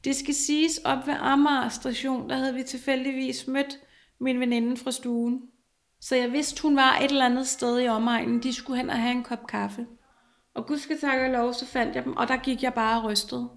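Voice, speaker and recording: A young woman telling a personal story in a halting way, with many fillers and restarts. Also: high-pitched, level tone, vocal fry.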